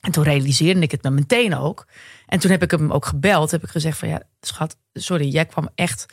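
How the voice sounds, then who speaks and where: A woman's voice: sits low, brisk, no room sound, clean studio sound. A woman in her forties hosting a podcast, chatting casually and telling stories with acted-out quotes. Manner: lively storytelling, acts out quotes. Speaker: podcast host. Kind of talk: casual chat.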